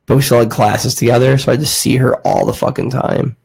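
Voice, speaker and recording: A man in his late twenties, with a gravelly, creaky edge to a voice of ordinary pitch, tells a long story in casual podcast chat. He rambles and swears freely, leaning on "like" as he goes. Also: fairly even intonation, fairly quick, a little mellow. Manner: rambling, profane, heavy use of "like". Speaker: podcast host.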